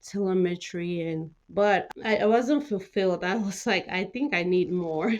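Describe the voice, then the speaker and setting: The audio is dull, and her medium-pitched voice moves at an unhurried pace. She's a middle-aged woman from Cameroon, a mental health nurse practitioner, speaking casually as an interview guest with lots of filler phrases like "you know."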